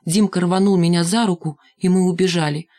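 Woman reading a story out loud, first person, steady and expressive, lowish voice. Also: a little fast. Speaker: audiobook narrator.

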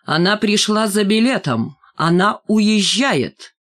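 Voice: medium pitch, expressive, moderate pace, voice pushed up, close to an everyday voice. An audiobook reader voicing a cold, commanding schoolgirl ringleader who speaks firmly and with contempt. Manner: firm and scornful. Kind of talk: audiobook character voice.

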